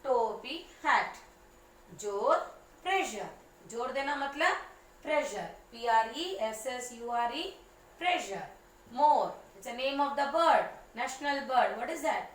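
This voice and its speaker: A female teacher talks to young children in a high voice, very slowly and patiently, spelling out each word. She is recorded from a distance in an echoey room, with faint ambience behind her. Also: expressive. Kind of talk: online class lesson.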